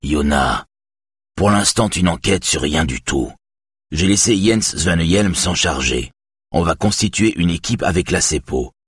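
A man doing a calm, patronizing police chief. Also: low-pitched, unhurried, slightly rough, no room sound, clean studio sound, heavily acted. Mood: calm firm. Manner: calm and condescending.

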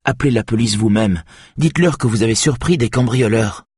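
Man putting on a defiant young woman, curt and tense, higher pitch, husky, dry audiobook sound. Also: brisk, a little mellow, dry recording, natural voice.

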